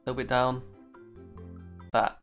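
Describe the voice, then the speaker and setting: A man ordering fast food at a counter, stalling with fillers and nudging the server bit by bit toward his choice. His voice has a bright, forceful edge, and he talks in casual gaming banter. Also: mid-range voice, completely flat delivery, faint music behind. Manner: hesitant, fumbling with fillers and repeated directions. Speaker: player in a social VR game.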